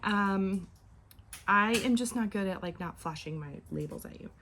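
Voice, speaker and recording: A woman's voice: medium pitch, moderate pace, a bit bright, slight background noise. A woman in her forties chatting casually at home while packing orders, rambling and often trailing off mid-thought. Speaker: online clothing reseller.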